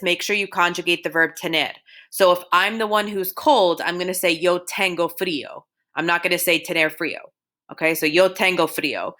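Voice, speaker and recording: A woman with a lowish, bright, forceful voice walks through a recorded slideshow lesson. She drills verb forms one at a time in a steady, methodical way, pausing to tell students to copy things down. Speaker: Spanish teacher.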